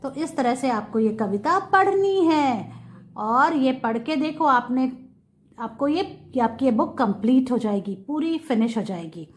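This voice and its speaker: A woman kindergarten teacher telling a story and reciting a poem for children, sounding out words in a slow sing-song way. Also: high voice, lively intonation.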